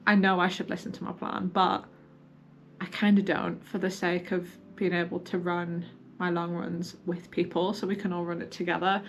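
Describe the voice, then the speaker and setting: A woman's voice: on the low side, flat delivery, moderate pace, slight background noise. A woman chatting informally and self-deprecatingly to camera as a running vlogger. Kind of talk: casual chat to camera.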